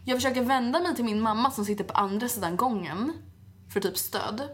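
A young woman tells a story in casual conversation, her voice sitting a little high. She acts out what people said along the way and fills her sentences with small filler words. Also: slight background noise. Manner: animated, acts out quotes, heavy filler words.

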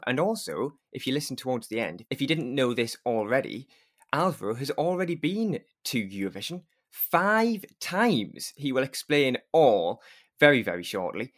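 A podcast host and interviewer with a Newcastle English accent keeps the chat casual and heaps on enthusiastic praise. His voice is medium-pitched with a fairly bright tone.

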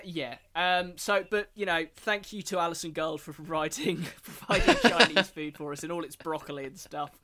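A man's voice: a little high, moderate pace, hardly any pauses, sharp tone. A man hosting a podcast, chatting casually and hesitantly with frequent ums and restarts. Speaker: podcast host.

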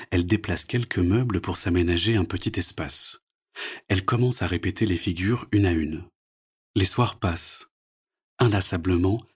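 A man narrating a children's storybook read-aloud in an expressive, soft storytelling manner, with a breathy voice. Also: deep voice.

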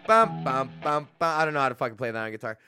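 A young Canadian man rambles through a casual solo rant on his own podcast, loose and profane and crammed with "like," while he recovers from losing his voice. He talks fast in a mid-range voice that's expressive, bright, and forceful, with soft music playing behind him.

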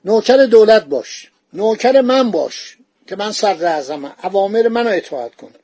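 A man's voice: high-pitched, expressive, a little mellow. A male narrator voicing a stern, commanding chief minister who gives curt orders.

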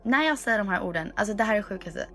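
Young woman telling a spooky story, switches into english a lot, faint music behind. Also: mid-range voice. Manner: animated storytelling mixing Swedish and English. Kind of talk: casual chat.

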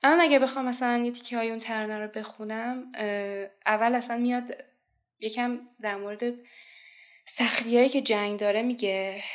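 Woman softly reciting sad lyrics. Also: mid-range voice. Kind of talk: talk then spoken recitation of lyrics.

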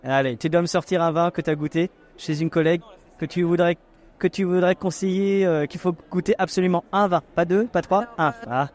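A man's voice: sits high, fairly even intonation, a little fast, darkish tone. A man hosting a podcast, chatting and teasing guests in casual interviews at an outdoor wine tasting. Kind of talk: casual vox-pop interview.

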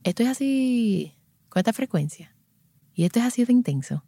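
Picture a flustered young mother brushing off every offer of help, her voice climbing high as she repeats that all is well, put on by a woman telling the story. The sound is dry and close. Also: expressive, normal speed, creaky, dark tone, slightly rough, no room sound, full character voice. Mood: worried. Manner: insistent, dismissive repeating.

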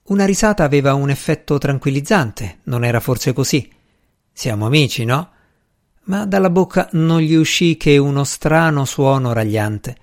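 A man giving a measured, dramatic scripted narration of an audiobook. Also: on the high side, animated.

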